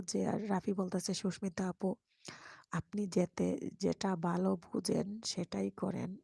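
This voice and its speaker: Reading viewer comments on her live stream, a woman hosts a casual chat in a very soft voice that sometimes slips into a near-whisper. Her mid-range tone is husky and mellow with a gravelly edge. The mic is close and the room is dry, with no echo.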